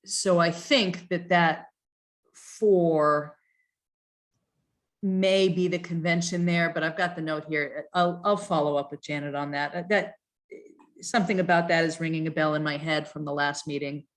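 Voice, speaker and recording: A town planning staff member with a notably low, steady voice leads a commission review of planning regulations over a video call. She reads clauses aloud and pauses to puzzle over them. Thoughtful and hesitant, she uses many fillers and restarts.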